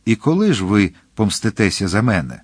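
A cunning young noblewoman speaks in a coaxing, lifted tone that hardens into sharp commands, as a male audiobook narrator puts her on. Her voice stays cold under the sweetness. The sound is dry and close. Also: on the low side, sing-song, a little fast, slightly rough, no room sound. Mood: scheming.

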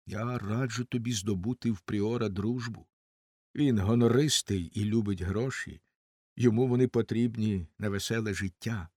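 A man's voice: lowish voice, normal speed, dark tone, dry recording, clean studio sound, lightly acted. A man reading an audiobook and voicing a generous outlaw leader, who speaks in a commanding, magnanimous and wry way. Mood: advising.

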